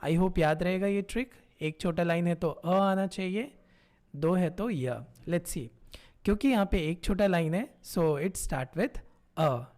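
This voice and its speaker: A woman's voice: fairly low pitch, mellow. A woman teaching a tutorial lesson, patiently checking in with learners and mixing Hindi and English. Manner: patient, often checks in with "ठीक है?". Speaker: language teacher.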